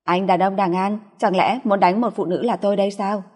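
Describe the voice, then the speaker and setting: A woman's voice: medium pitch, fairly even intonation, brisk, darkish tone, breathy edge, close to an everyday voice. A woman voicing a mocking, teasing female assassin, read in a long reverb. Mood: taunting. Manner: taunting, teasing.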